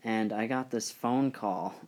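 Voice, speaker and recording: A man's voice: on the low side, unhurried, a little mellow. A young man hosting a casual chat, telling a story about himself with a laughing, self-deprecating manner. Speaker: podcast co-host.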